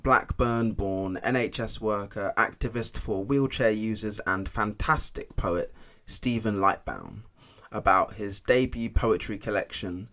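A man's voice: lowish voice, fairly bright tone. A man who drops his T's, presenting a scripted podcast introduction as its playful host.

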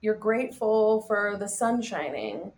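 A woman's voice: mid-range voice, animated, unhurried. A woman from the US west coast, a life coach guest, talking animatedly and laughing easily in a casual interview. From west coast of the United States.

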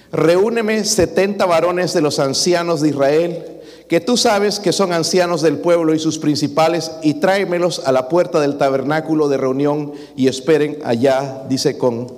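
Male pastor, higher voice, animated sermon with acted-out quotes, church hall reverb. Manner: lively preaching, dramatic quoted voices, addresses congregation as brothers.

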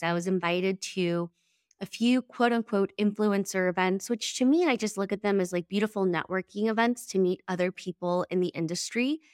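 A woman's voice: on the low side, dry recording, studio quality. A woman hosting a solo podcast episode, sounding nasal and congested from a head cold, in an earnest, reflective manner. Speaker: podcast host.

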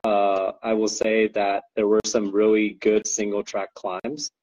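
A man's voice: fairly low pitch, level tone, a little slow, a little mellow, muffled recording. A man chatting as a podcast guest, rambling with lots of ums and likes and frequent laughs. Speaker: guest co-owner describing an ultra race. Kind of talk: casual podcast chat.

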